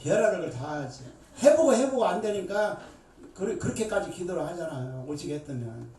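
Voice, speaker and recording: A middle-aged woman, a seminary dean, preaching a Bible lecture with emphatic, animated delivery to an audience. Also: lowish voice, a little fast. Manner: emphatic, animated, with bursts of shouting and laughter. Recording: echoey room, voice far from mic.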